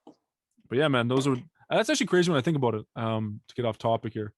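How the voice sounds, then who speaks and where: Quick-talking young male podcast host. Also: medium pitch, animated, no room sound. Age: 20s. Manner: laid-back, quick questions and reactions. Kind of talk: casual chat.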